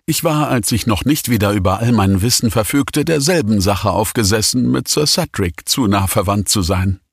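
A man reading the lines of a relieved noblewoman in an audiobook, in his own plain voice, calm and reassuring. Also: fairly low pitch, normal speed, slightly rough, dry recording, studio quality.

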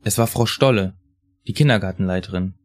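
A man reading a story aloud in a calm, even way. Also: low voice, fairly quick. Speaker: reader. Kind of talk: scripted story narration.

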